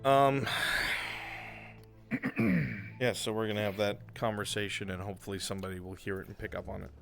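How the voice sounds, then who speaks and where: A man's voice: fairly low pitch, moderate pace, gravelly, faint music behind. A man chatting casually as he organizes a role-play game scene.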